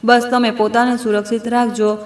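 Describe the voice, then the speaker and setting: A woman voicing a calm, cautious female doctor who gives careful instructions in a storybook reading. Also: a little high, normal speed, close to an everyday voice. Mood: calm warning. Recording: echoey room.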